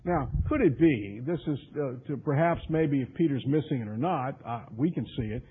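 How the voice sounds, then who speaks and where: A man's voice: mid-range voice, normal speed, slightly rough. A man preaching a Bible study sermon. He reads scripture aloud in old-fashioned wording, then explains it conversationally with many fillers and repeated words. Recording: tinny, phone-like radio broadcast.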